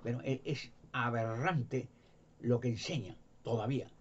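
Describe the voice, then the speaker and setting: A man's voice: mid-range voice, a little slow. A man with a Spain Spanish accent preaching informally, retelling Bible stories in a rambling, repetitive way with stammered restarts. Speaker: lay preacher. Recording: slightly dull with faint background noise.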